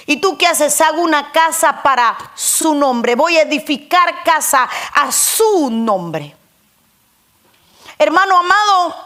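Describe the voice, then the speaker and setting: Pastora de voz aguda, predicación pausada. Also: female voice, high-pitched, fairly bright tone. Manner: emphatic, repetitive preaching cadence, asks the congregation questions. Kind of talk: sermon.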